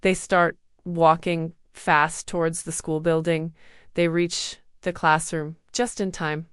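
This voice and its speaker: A woman reading a storybook aloud for beginner English learners, slow, even and clearly spoken. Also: sits low, no echo, studio quality. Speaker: storybook narrator.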